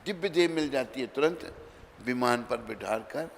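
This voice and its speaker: A man preaching a sermon in Hindi, telling a story with dramatic swings between loud and soft and acting out the dialogue. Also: mid-range voice, expressive, a little slow. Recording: reverberant hall with faint background noise.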